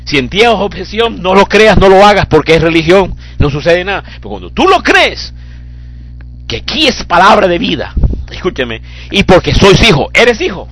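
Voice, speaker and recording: High, lively-voiced impassioned male preacher. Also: moderate pace. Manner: impassioned, rising into fervent cries. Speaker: pastor. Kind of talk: sermon.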